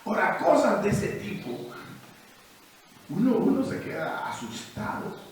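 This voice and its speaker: A male pastor preaching and telling stories, going from quiet asides to shouted declarations, with a Peruvian Spanish accent. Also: high-pitched, big pitch swings, a little slow, slight background noise. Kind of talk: sermon with testimony. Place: church hall. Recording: echoey church hall, distant mic.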